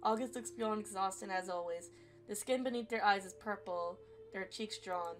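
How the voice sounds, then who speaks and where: A woman streamer reading a visual novel aloud as expressive story narration. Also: mid-range voice, normal speed, slight background noise. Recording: faint game music behind. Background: faint music.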